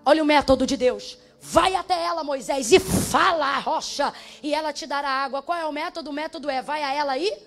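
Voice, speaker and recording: A woman preaching a sermon with fervor, building to shouts and acting out bits of dialogue. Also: high voice, brisk, soft background music. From Brazil. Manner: acts out dialogue in different voices.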